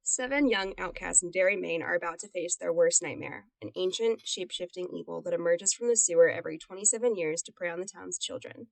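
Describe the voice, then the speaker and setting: A woman's voice: fairly low pitch, fast talker, creaky, hardly any pauses, no room sound, poor audio. A woman co-hosting a podcast in casual, giggly, self-mocking chat, recorded inside a closet. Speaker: podcast co-host.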